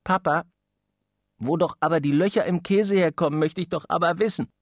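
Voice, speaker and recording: Ein Mann spricht in einer Hörbuchlesung einen neugierigen, trotzigen kleinen Jungen, der quengelnd immer wieder nachfragt. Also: male voice, on the high side, moderate pace, dry recording, studio quality, pitched above the performer's own voice. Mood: whiny insistent. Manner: whiny, insistent questioning. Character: curious stubborn little boy.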